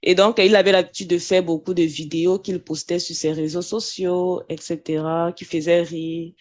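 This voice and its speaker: Woman co-host; calm explanatory chat, lowish voice. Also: moderate pace. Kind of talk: casual chat.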